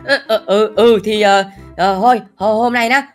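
A man voicing a bashful teenage boy, a reformed school bully, stammering and repeating words nervously in a Minecraft role-play, his voice pitched up. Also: fast, sharp tone, faint music behind, exaggerated voice.

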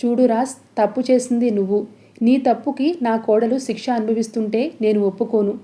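Woman voicing a forceful mother figure, insistent, somewhat high pitched. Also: steady tone, moderate pace, lightly acted. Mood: firm. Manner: commanding, insistent. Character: forceful middle-aged mother and mother-in-law.

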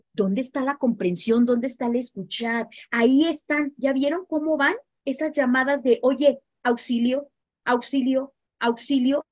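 A woman's voice: on the high side, no room sound. A middle-aged woman with a Mexican accent, speaking as a psychologist guest in an interview, animatedly explaining to parents. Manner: animated, acts out parents and teens in quoted asides.

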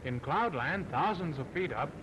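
1930s newsreel announcer, lively and brisk. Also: male voice, on the high side. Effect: old newsreel soundtrack. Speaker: newsreel narrator. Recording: dull lo-fi 1930s newsreel sound.

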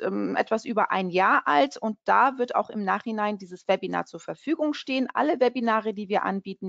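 A woman's voice: medium pitch, vocal fry, no room sound, dull audio. A woman from Portugal hosting an online webinar in a friendly, chatty way, with many fillers and restarts. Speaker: webinar host. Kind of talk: casual webinar presentation.

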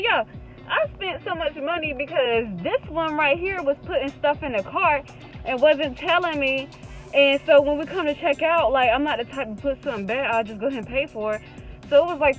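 A woman with a fairly high voice chats through a casual shopping vlog, teasing and speaking directly to her viewers. Clear background music plays under her talk. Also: brisk, rough recording. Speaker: vlog host, mother.

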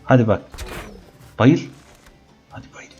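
A man's voice: unhurried, darkish tone, highs cut off, soft background music. A man commenting on his gameplay and playfully taunting the animals in the game. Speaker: gaming channel host. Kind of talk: Let's Play commentary.

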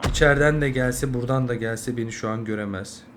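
A young man, a mobile game streamer, giving live gameplay commentary, swearing constantly and swinging from angry yelling to low muttering. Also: fast talker. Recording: noisy game audio behind.

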